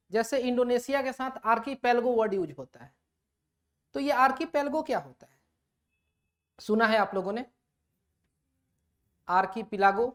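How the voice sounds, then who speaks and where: A woman teaching a lecture who asks her students questions and then answers them herself, mixing English terms into her explanations. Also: a little high. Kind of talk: classroom lecture.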